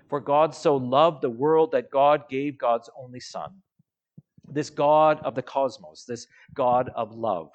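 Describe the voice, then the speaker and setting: A man preaching a sermon in a slow, measured way, letting his phrases trail off softly. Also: mid-range voice.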